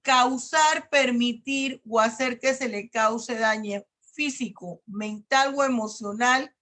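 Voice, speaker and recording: A middle-aged woman with a Panamanian Spanish accent lectures on law at an unhurried pace. Her voice sits a little high as she reads legal articles aloud and explains them with everyday examples. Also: fairly bright tone. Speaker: law professor.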